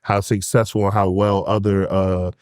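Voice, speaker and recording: Animated man co-hosting a podcast. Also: sits low, normal speed, no room sound, clean studio sound. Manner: animated storyteller, opinionated. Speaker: podcast co-host. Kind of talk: casual chat.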